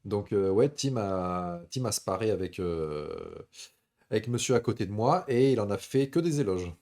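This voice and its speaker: A man hosting a live stream with a low, radio-presenter voice. He tells stories in a casual, conversational way that is easy to follow. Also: lively intonation, normal speed, a little mellow. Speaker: host of a combat sports stream.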